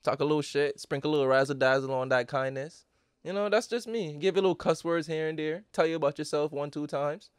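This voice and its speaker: A man's voice: on the high side, fast talker, clean tone, no room sound, clean studio sound. A man hosting a podcast, brash and joking, cursing freely. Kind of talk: casual podcast chat.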